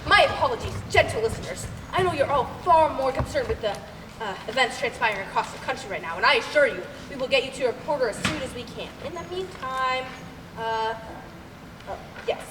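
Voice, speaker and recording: A young woman plays a flustered, pompous radio announcer, who is also a bossy hotel manager, in a comic old-time radio play, sounding formal, flustered and apologetic. Her high, animated voice moves a little fast, recorded clearly but with noise from a distant mic in an echoey hall.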